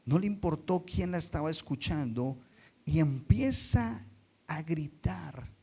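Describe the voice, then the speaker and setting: A man preaching a sermon, dropping quiet and then rising loud for emphasis, and putting rhetorical questions to the congregation. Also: a little high, slow pace, gravelly, slightly rough. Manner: expressive, swings between soft and loud for emphasis.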